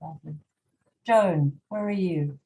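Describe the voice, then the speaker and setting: A woman with a low, mellow voice hosts an online seminar. She calls on each guest by name in turn and speaks politely. She is heard over a video call. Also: a little slow, vocal fry, rough recording. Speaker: seminar host.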